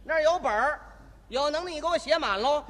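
A man's voice: extremely high pitch, animated, brisk, fairly bright tone. A man performing stage crosstalk, playing a rude and mocking bus conductor. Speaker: crosstalk comedian. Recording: stage recording with long hall reverb.

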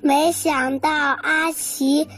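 High-voiced woman reading a children's story. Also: drawn-out words. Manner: gentle, expressive storytelling. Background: children's music.

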